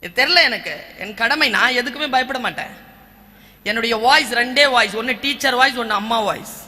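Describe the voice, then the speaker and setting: A woman's voice: fairly high pitch, fairly quick, bright, forceful tone. A woman in her forties, a teacher and guest speaker, giving an emphatic church talk and listing points in short, punchy phrases. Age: 40s. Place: large church hall. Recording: long church-hall reverb.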